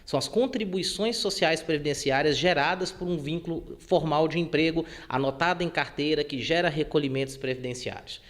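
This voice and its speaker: A man from Brazil who serves as a labor court judge, explaining legal points in a careful, measured way. His voice sits somewhat high for a man, and he leans on small filler words as he thinks. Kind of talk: explanatory interview answers.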